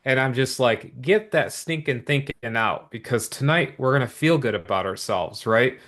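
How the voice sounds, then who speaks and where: Livestream viewers hear a man present a business opportunity in an upbeat, motivational pitch. He's energetic and repetitive, with lots of quick asides.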